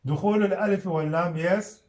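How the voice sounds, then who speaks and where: A man's voice: sits high, moderate pace, a little mellow, poor audio. A man teaching an online Islamic studies and Arabic class, explaining step by step and quizzing his students.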